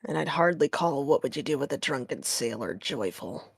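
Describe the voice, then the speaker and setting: A woman's voice: very deep voice, expressive, moderate pace, creaky, slightly rough, no echo, studio quality. A woman playing a tabletop role-play game in character, a little prim and questioning.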